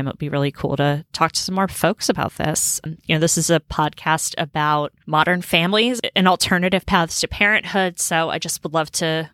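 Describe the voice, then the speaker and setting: A woman's voice: low voice, fairly bright tone, no echo. A woman in her thirties chatting casually as a podcast host, bubbly, slangy and rambling, recording indoors on a boat. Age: 30s. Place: indoors in a room on a river boat.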